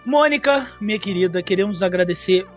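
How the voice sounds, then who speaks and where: A man hosting a casual podcast, joking around with sudden high exclamations. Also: expressive, fairly quick, highs cut off, faint music behind. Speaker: podcast host.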